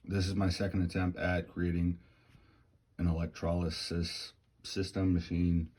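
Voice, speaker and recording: A man in his forties casually narrating a hands-on demonstration in a hesitant, halting way. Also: low-pitched, little pitch movement, a little mellow. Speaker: vlogger.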